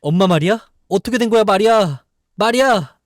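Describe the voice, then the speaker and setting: A man voicing a frightened young girl who pleads in a high, tearful voice. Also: expressive, moderate pace, no echo, clean studio sound. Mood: pleading. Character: frightened young girl searching for her father.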